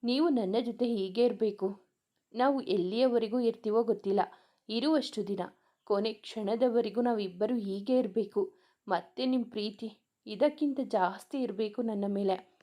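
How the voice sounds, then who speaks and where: A woman's voice: on the high side, moderate pace, warm tone, lightly acted. A woman voicing a tearful young wife who pleads and reproaches her husband. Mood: hurt.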